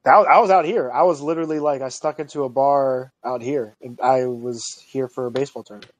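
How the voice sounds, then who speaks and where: A man in his thirties co-hosting a podcast, chatting in a relaxed, rambling way with plenty of fillers. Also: medium pitch, brisk. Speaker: podcast co-host. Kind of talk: casual chat.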